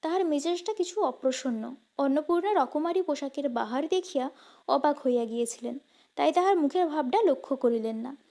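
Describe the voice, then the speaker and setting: A woman narrating a classic story aloud in a steady, measured way. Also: sits high.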